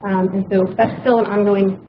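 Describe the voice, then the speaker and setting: A woman's voice: medium pitch, little pitch movement, normal speed. A woman doctor speaking at a conference, hesitant, with frequent ums as she shares clinical lessons. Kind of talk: conference talk. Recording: muffled, noisy hall recording.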